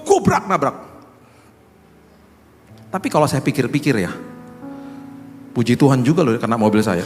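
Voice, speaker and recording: A male pastor telling a sermon story with lively sound effects and acted asides. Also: sits high. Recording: echoey hall with faint music.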